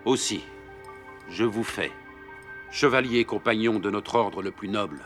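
An actor dubbing a solemn aging king who confers titles in a halting, stammering voice. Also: lowish voice, a bit bright, soft background music. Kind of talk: dubbed drama scene.

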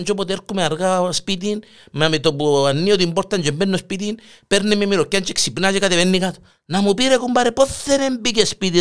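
Sly Cypriot husband in a joke, pushy and pleading, as a man puts him on, lively up-and-down pitch. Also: smooth, close to an everyday voice. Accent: Cypriot Greek. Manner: insistent, pleading, animated.

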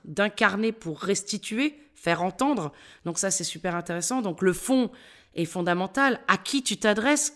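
A middle-aged woman with a Parisian accent, a voice coach talking in an interview, animated and full of hesitations. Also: medium pitch. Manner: animated, many hesitations and fillers. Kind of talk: casual interview talk.

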